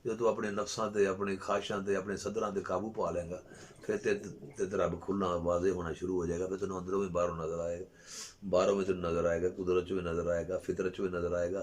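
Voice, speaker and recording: A man with a Punjabi accent giving a Sufi spiritual talk, impassioned and often rising to loud exclamations. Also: deep voice, a little hiss or hum. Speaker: Sufi speaker.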